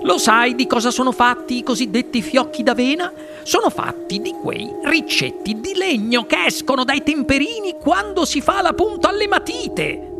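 A man voicing an eccentric elderly male chocolate maker in a read-aloud story, with theatrical leaps in pitch. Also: moderate pace, hardly any pauses. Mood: excitable. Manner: theatrical, swooping pitch jumps. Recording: music playing underneath.

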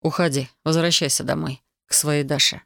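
A woman reading the part of an intense young soldier who speaks in a low, pressing, brooding way. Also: steady tone, moderate pace, gravelly, fairly bright tone, no echo, studio quality. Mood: cold. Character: young man, ardent soldier, intense and bitter.

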